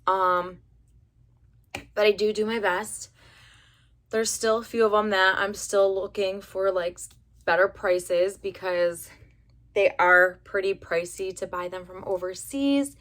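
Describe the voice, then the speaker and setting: A young adult woman from the United States with a raspy voice, rambling chattily through a casual hair color review. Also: medium pitch, steady tone, a little slow, fairly bright tone. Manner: rambling, chatty, many fillers. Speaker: beauty vlogger.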